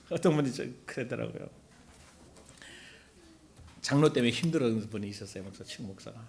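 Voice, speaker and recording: A middle-aged man preaching a sermon as pastor, talking with the congregation in a conversational way, asking them questions and acting out everyday complaints. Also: on the high side.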